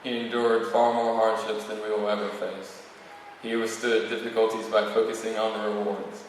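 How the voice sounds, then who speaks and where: Reading from a prepared speech, an eighteen-year-old valedictorian addresses an audience from the podium and stumbles occasionally. He keeps a moderate pace, with a fairly low voice that has little pitch movement. The large, very echoey room and distant microphone give a reverberant sound with faint noise.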